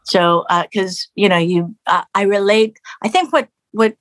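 A middle-aged woman musician, from Canada and raised in Los Angeles, guests on a conversational interview, speaking a little slowly at medium pitch with no room sound. Her delivery is animated, peppered with fillers and restarts, and she raises her voice to quote others.

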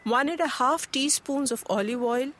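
A woman's voice: sits high, moderate pace, fairly bright tone, a little hiss or hum. A woman with an Indian accent playing a helpful, health-conscious mother in a scripted chat, instructive and mixing Hindi into English. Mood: chatty, helpful. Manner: chatty, instructive, Hindi-English code-switching. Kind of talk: scripted conversational dialogue. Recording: music bed under the voice.

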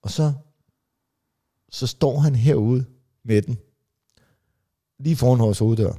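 A man with a dark, mellow voice at an ordinary middle pitch, chatting casually as a podcast co-host. He tells long, rambling stories, stumbling through fillers and restarts. Now and then he jumps into a higher, clipped voice to act out a family member. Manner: acts out family members in quick, raised voices. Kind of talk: casual chat, storytelling.

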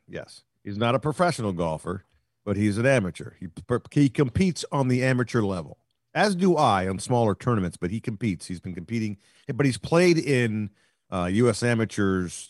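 A man co-hosting a sports talk show, telling a long rambling story that swells into excited, louder bursts. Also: fairly low pitch, dry recording, studio quality. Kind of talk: casual sports chat.

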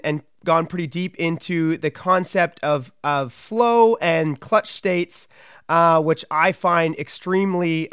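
A man's voice: fairly high pitch, fairly bright tone, smooth, dry recording, studio quality. A man hosting a podcast, introducing the show and chatting casually with a guest. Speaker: podcast host.

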